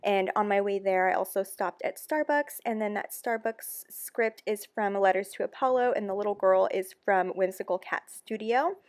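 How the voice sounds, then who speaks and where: A young woman narrates in a casual, confessional voice-over. Her talk is loose and chatty, full of ums and likes. She stays candid and emotional, with her voice at an average pitch for a woman. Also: moderate pace, few pauses, a little mellow. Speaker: planner vlogger.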